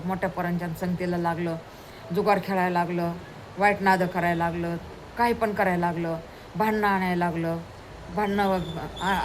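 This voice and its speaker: A woman telling a moral folk story to an audience, animated and repetitive, acting out the characters. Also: on the low side, a little hiss or hum. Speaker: storyteller preacher.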